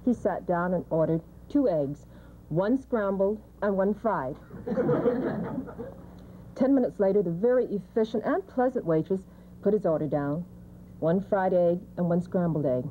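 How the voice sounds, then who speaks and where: A woman, an education TV specialist, telling a brisk roast anecdote building to a punchline, on a dull lo-fi recording. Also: medium pitch. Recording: dull lo-fi TV recording, faint hiss.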